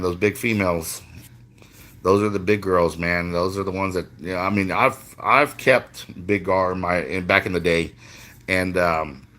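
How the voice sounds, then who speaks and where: Middle-aged fishing guide, very deep voice, loose and profane, talks off the cuff on a live stream. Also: male voice, pushed and bright. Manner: rambling, casual, with frequent swearing and restarts. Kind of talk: casual live-stream chat.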